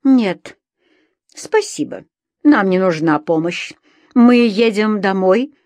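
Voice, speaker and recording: A woman's voice: fairly low pitch, animated, unhurried, no echo. Audiobook: scheming foreign husband, sly and curt, as a woman reader does him, broken Russian, dry read.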